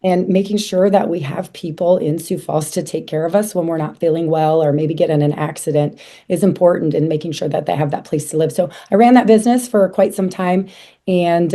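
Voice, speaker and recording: A hoarse woman in her forties from South Dakota talks as a podcast guest, her voice lowish and dark. She chats easily, often restarting and filling pauses with little words. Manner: chatty, many fillers and restarts. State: hoarse from a cold. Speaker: guest, association leader. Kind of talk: casual interview chat.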